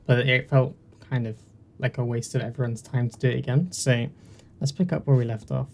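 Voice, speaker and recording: A video game host offers casual, rambling, self-deprecating commentary during a playthrough, recorded on a poor-quality home mic with a little hiss or hum. His medium-pitched voice is brisk with fairly even intonation.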